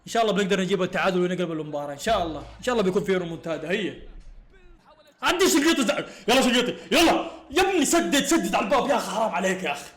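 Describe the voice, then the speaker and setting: A man, reacting live to a football match, excitable and exasperated, often laughing. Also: high voice, very fast, hardly any pauses, roomy sound, slight background noise.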